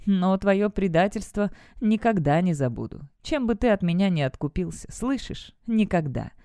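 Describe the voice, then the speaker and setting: A woman voicing a defiant, sharp-tongued young witch in an audiobook. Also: medium pitch, expressive, moderate pace, clean tone, no room sound, studio quality, lightly acted. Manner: bitter, defiant. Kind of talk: audiobook character voice.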